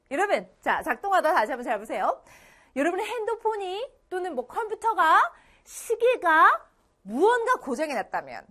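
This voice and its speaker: A woman's voice: high voice, a bit bright. A woman teaching English in an online lecture for middle schoolers, playful, acting out dialogue lines.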